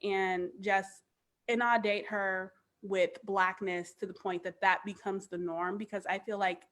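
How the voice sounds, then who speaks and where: A woman in her thirties, a podcast guest, talking in an animated, emphatic casual way with lots of "like". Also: medium pitch, measured pace. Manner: animated, emphatic, frequent "like" fillers. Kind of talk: casual chat.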